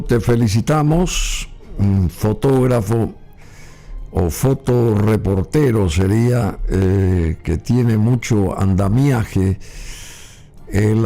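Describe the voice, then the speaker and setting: A male host, asking questions courteously and filling pauses with murmured agreement. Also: lowish voice, warm tone. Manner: frequent murmured backchannels, formal and courteous. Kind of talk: interview hosting. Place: studio.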